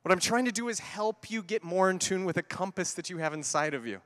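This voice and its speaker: A man giving a conference keynote talk, animated and conversational with playful asides to a live audience. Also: high voice, a little fast, big-room sound. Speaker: keynote speaker. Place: large conference hall before an audience.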